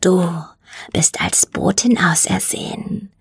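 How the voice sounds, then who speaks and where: A woman voicing a hunched male mutant with a rattling, wheezy voice, speaking slowly, low and hissing with mocking menace. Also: creaky, breathy edge, no echo, whispered, studio quality, exaggerated voice. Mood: solemn.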